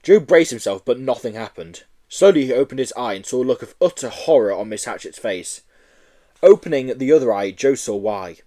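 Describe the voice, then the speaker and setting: Brief: man narrating a children's book, expressive and lively. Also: medium pitch, fairly quick. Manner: animated, acting out the story. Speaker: audiobook reader. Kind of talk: storybook narration.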